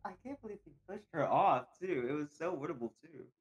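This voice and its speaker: A man's voice: on the high side, expressive, brisk, slightly rough, lo-fi sound. A young man chatting casually as he plays a co-op video game. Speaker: co-op gamer. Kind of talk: casual gaming chat.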